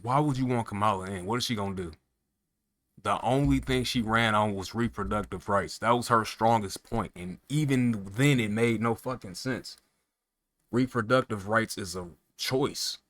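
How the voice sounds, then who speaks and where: A man with a somewhat low voice vents in a heated, profanity-laced rant. He talks straight at the listener, piling on emphatic rhetorical questions. The recording is dry, with no room sound. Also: normal speed, fairly bright tone, no room sound. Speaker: political commentator. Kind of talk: casual political rant.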